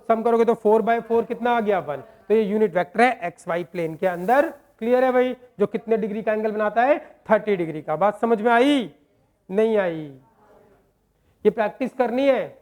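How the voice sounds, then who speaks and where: A man teaching a maths lesson to a class in speech, quizzing students with quick questions and joking with them. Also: sits high, a little mellow.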